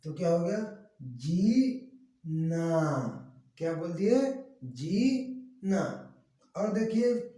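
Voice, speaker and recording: A male teacher talks with a high voice and mellow tone, stretching each word slowly for young learners. He speaks from a distance in a very echoey room and voices both himself and an eager pupil. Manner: slow, drawn-out sing-song teaching voice, speaks both sides of a pupil dialogue. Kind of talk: Hindi reading lesson for children.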